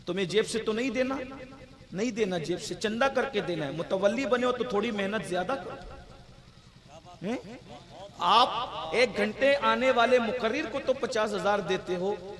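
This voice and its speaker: A male preacher delivering a sermon at a religious gathering, emphatic and exhorting, often rising to shouts. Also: high voice, long pauses, a crowd in the background.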